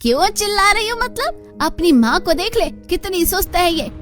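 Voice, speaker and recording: A woman voicing a bossy, harsh middle-aged aunt in a cartoon, scolding and shouting insults. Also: high voice, normal speed, soft background music. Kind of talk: cartoon voice acting.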